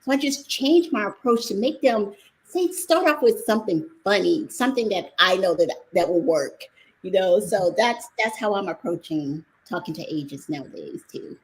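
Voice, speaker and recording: Casting: cheerful woman podcast host, middle pitch, laughs a lot. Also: expressive, normal speed, poor audio. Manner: bubbly, laughs often, acts out phone calls. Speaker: podcast host and real estate investor. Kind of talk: casual podcast chat.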